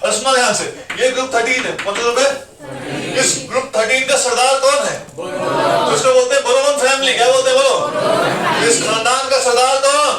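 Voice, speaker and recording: High-voiced man drilling a class in sing-song chants. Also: fairly quick, reverberant, far from the mic, a crowd in the background, noisy background. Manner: repeats mnemonics in a sing-song chant and jokes with students. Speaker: chemistry teacher. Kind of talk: classroom lecture with call-and-response drills. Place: classroom full of students.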